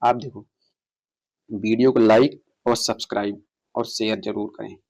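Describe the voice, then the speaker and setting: A man teaching an online exam-prep lesson, reading passage lines slowly and explaining them, asking his students questions. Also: fairly low pitch, steady tone, gravelly, darkish tone. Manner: reads English passages slowly, explains in Hindi, quizzes viewers. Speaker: English exam tutor.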